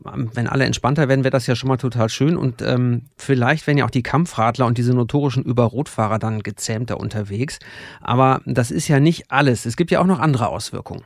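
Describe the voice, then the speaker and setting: A man's voice: mid-range voice, quick pace, creaky, dry recording, clean studio sound. A man co-hosting a radio feature who talks conversationally, asks questions and jokes lightly. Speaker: co-host. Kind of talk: scripted radio feature chat.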